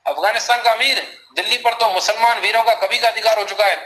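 A man's voice: sits high, steady tone, quick pace, sharp tone, pitched above the performer's own voice, poor audio. A man reading the part of a horseman messenger who delivers his news in an urgent, agitated voice. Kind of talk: audiobook character voice.

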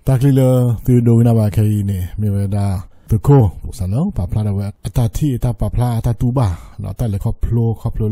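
A man's voice: fairly low pitch, warm tone, dry recording. A man co-hosting a casual chat, chatty and dropping in short interjections.

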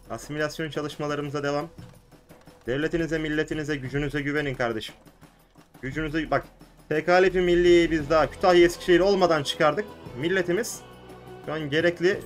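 A young man hosting a gaming channel, commenting excitedly on a strategy game, exclaiming and swearing at what happens on screen. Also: on the high side. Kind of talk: excited let's-play commentary.

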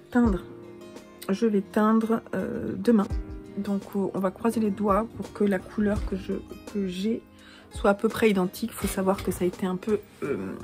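Speaking warmly in a mid-range voice, a woman in her thirties sits in a small room at home and chats about her knitting, joking at her own expense and hesitating often. She has a cold, and she vlogs about knitting and dyes yarn.

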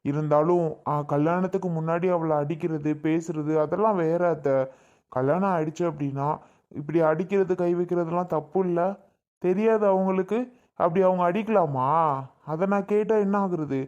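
A man's voice: on the high side, moderate pace, darkish tone, muffled recording, close to an everyday voice. A man playing a young husband who firmly stands up for his pregnant wife against her mother in a drama skit. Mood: reproachful. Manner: firm, reproachful.

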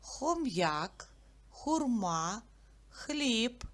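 A woman leads a reading lesson for small children. She speaks very slowly, stretching out each sound and syllable with careful enunciation. She keeps asking the children simple questions. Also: on the high side, sing-song, a bit bright. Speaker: teacher.

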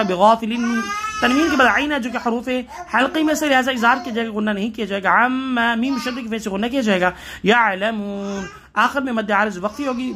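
A man's voice: sits high, a bit bright, slight background noise. A man from Pakistan teaching tajweed, reciting verses and explaining each letter rule step by step, stopping now and then to correct himself.

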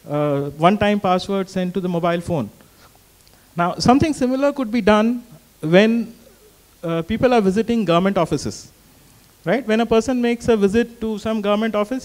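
A man in his fifties speaks on a panel stage, holding a mic close. His voice is notably high for a man, and he lays out ideas in a measured, methodical way. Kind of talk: panel discussion. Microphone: handheld mic.

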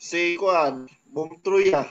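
A man's voice: on the high side, extremely slow. A young man co-hosting a casual vlog, teasing and laughing with his friend. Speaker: co-host. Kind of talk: joking casual chat with friends. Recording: dull lo-fi sound with faint noise.

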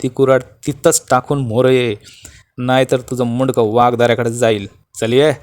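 Man doing Savala, a booming fierce outlaw. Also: flat delivery, darkish tone, no room sound, lightly acted. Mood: menacing. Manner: booming, slow, threatening commands. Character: fierce commanding male outlaw, hot-tempered but just.

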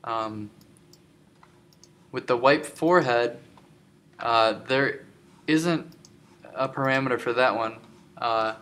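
A man giving a screen-recorded software tutorial, explaining step by step with many filler ums. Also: medium pitch, takes it slowly, long pauses. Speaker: tutorial instructor.

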